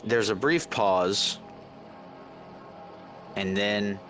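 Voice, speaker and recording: A man narrating a tabletop horror game as game master, in a measured, descriptive way. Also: lowish voice, fairly bright tone, soft background music.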